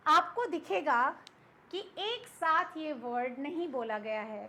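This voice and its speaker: High-voiced Indian woman teaching English. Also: bright, forceful tone. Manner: patient, asks and answers own questions; mixes English words into Hindi. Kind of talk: explaining lesson to students.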